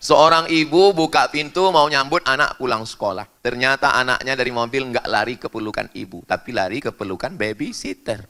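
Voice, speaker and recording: A man from Indonesia preaching a lively sermon to a congregation, jumping up in pitch for emphasis and jokes. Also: a little fast, few pauses. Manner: animated, jumps high in pitch for emphasis and jokes.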